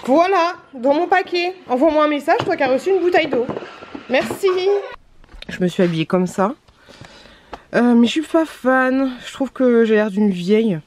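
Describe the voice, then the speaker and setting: A woman's voice: high voice, animated, moderate pace, noisy background. A woman chatting casually in a home vlog, grumbling and often dropping to a half-whisper. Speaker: vlogger. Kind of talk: casual vlog chat to camera.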